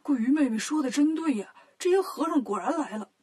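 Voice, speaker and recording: A woman's voice: sits high, animated, brisk, mellow. A woman voicing a boastful, threatening male fish demon king in a children's story.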